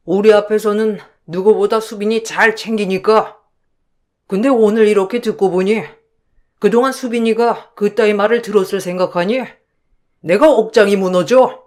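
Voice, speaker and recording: An actor playing a stern elderly father-in-law in a radio drama, roaring and scolding. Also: high-pitched. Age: older.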